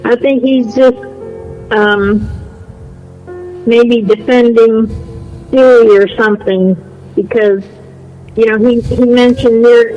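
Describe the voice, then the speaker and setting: A man's voice: high voice, poor audio. A man chatting casually on a call-in, insistent and defensive, often repeating himself. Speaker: online video creator.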